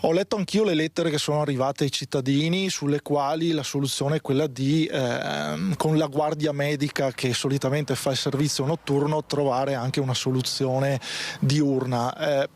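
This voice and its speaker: A man speaking as a town mayor in a news interview, measured and earnest, with fillers and pauses. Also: on the high side, steady tone, darkish tone.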